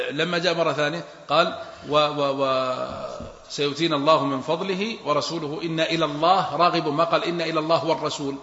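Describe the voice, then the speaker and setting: A man teaching a religious creed lesson, emphatic and fast with quick asides. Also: a little high, a bit bright. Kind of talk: religious lesson with student questions. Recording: echoey hall, muffled, light hiss.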